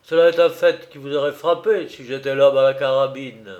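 A man voicing a young suspect arguing his innocence in a read-aloud courtroom story, forceful and protesting. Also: medium pitch, fairly even intonation, moderate pace, dull audio, lightly acted. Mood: defiant. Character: defiant young male suspect, argumentative.

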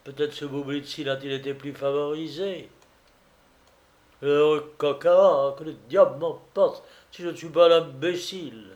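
A man's voice: a little high, a little mellow, highs cut off, pitched above the performer's own voice, close to an everyday voice. A man voicing a vain, touchy young male clerk in love, talking in a fretful, self-important way. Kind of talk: audiobook reading.

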